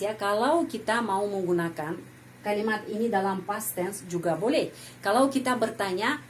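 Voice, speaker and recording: A woman teaching a language lesson, patiently explaining grammar and slowly repeating example sentences. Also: medium pitch, slight background noise, poor audio.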